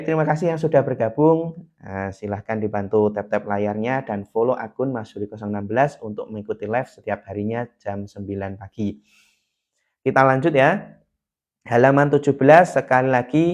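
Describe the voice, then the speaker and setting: A man teaching beginners to read the Quran on a live stream, patient and repeating key points, at times chanting syllables in a melody. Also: mid-range voice.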